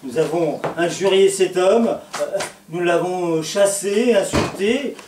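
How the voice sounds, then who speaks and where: A man's voice: high-pitched, slow. A man playing a blustering, indignant father in a stage farce, hammily spluttering his exclamations. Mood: exasperated, despairing. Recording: echoey stage, distant mic, faint noise.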